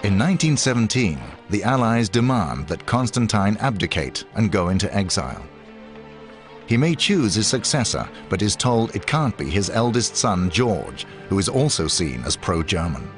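Male documentary narrator, deep voice, measured scripted read, soft music underneath. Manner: measured, even storytelling.

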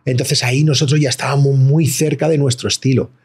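A man, a rapper guest telling stories in slangy, animated casual chat. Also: mid-range voice, a little fast, husky. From Madrid, Spain. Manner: slangy, animated storytelling with acted-out voices.

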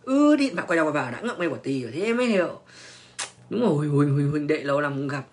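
Young man, slangy and profane, stumbling restarts, slightly high voice. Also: big pitch swings, quick pace, a little hiss or hum. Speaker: online personality telling stories. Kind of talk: crude casual storytelling monologue.

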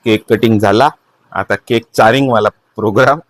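A man's voice: on the low side, moderate pace, no echo. Chatty man hosting a family vlog. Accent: Marathi. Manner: chatty, coaxing and playful. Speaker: vlog host.

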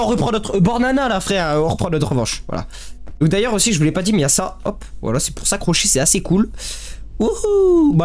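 Excitable young man yelling over gameplay. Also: sits high. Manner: excitable, slangy, yelling at the game. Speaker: gaming YouTuber. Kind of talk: casual gameplay commentary.

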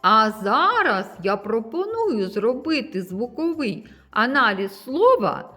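A woman teaches young children a phonics lesson, drawing out each syllable and stressing it clearly. Her voice sits a little high and swoops up and down as she explains. She speaks very slowly, and soft music plays faintly underneath. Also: sing-song.

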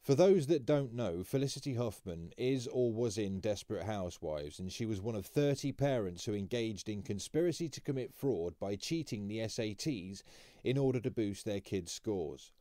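Male commentary host, measured scripted delivery, mellow tone, dry booth sound. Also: lowish voice, animated, no echo. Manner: measured, explanatory.

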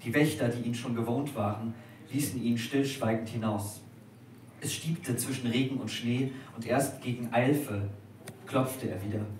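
Male reader, dramatic literary reading, heard from far off in a very echoey dining room with faint background noise. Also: mid-range voice. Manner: measured, expressive. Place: restaurant at a live dinner reading.

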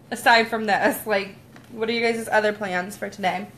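A woman's voice: medium pitch, steady tone, moderate pace, fairly bright tone, a little hiss or hum. A young woman chatting casually with her viewers on a livestream, giggly and talkative. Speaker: vlogger.

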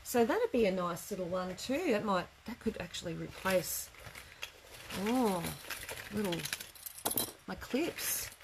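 A woman's voice: medium pitch, a little slow. Chatty New woman, noisy room. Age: middle-aged. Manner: informal, chatty, rambling. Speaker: craft teacher hosting a live class. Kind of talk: casual live tutorial chat. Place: indoor craft studio workroom. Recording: noticeable room background noise.

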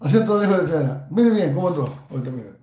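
A man's voice: a little high, lively intonation, fast talker, dark tone, echoey room. A Mexican man in his fifties ranting angrily in a vlog, taunting and cursing constantly. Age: 50s. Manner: angry, profane, taunting. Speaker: YouTuber.

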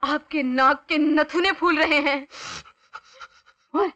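Young woman, film comedy heroine; high, crisp, playful teasing tone. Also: steady tone, slow pace, pushed and bright, muffled recording. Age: young adult. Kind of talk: Hindi film comedy acting.

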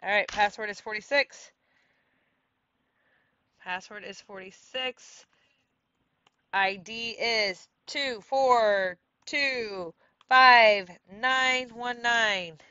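A woman's voice: on the high side, very slow, long pauses, bright, forceful tone, clear, resonant tone, dry recording, lo-fi sound. A woman hosting a live game stream, chatting casually, laughing often and reading her viewers' messages aloud.

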